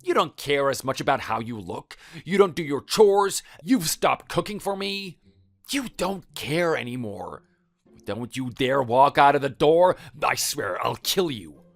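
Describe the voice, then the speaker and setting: A man voicing a bitter middle-aged cafe owner who yells accusations at his partner. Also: medium pitch, sing-song, a little slow, gravelly. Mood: angry. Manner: accusing, yelling.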